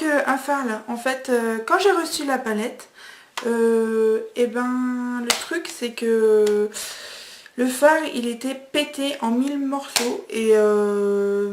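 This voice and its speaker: Slow, hesitant young woman vlogger. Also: on the high side, roomy sound, a little hiss or hum. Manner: hesitant, many "euh" fillers. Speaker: beauty vlogger. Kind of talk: casual makeup review. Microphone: camera mic.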